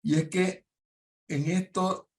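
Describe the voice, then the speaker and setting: A man hosting a talk show who muses in a slow, reflective, halting way. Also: high voice, fairly even intonation, a little mellow, slight background noise. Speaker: TV host.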